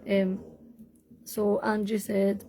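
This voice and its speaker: Hosting a casual home livestream recorded on her phone, a young woman from Scotland answers viewers' comments with a Scottish accent. Her medium-pitched voice is monotone, creaky and dark, she goes slowly, and her chat rambles with many fillers and self-corrections.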